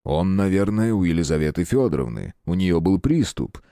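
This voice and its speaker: Man playing a flustered doctor in a storybook reading, indignant, fairly low voice, dry close sound. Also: lively intonation, normal speed, mellow, dry recording. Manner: indignant, then bewildered. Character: haughty flustered middle-aged doctor.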